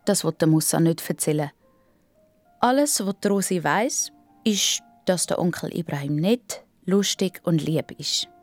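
A woman narrating a children's radio play in a gentle, clear storytelling manner. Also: on the low side, expressive, measured pace, dry recording, faint music behind.

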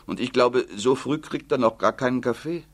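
A man voicing a fretful, whining old mother with a high, plaintive, sighing voice. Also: moderate pace, lightly acted.

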